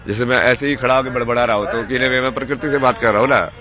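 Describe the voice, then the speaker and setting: A man's voice: mid-range voice, fairly even intonation, quick pace. A man giving rambling, impassioned answers in an outdoor interview, firing rhetorical questions. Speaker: interviewee, wandering ascetic. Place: outdoors at a busy festival ground. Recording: outdoor recording with loud crowd.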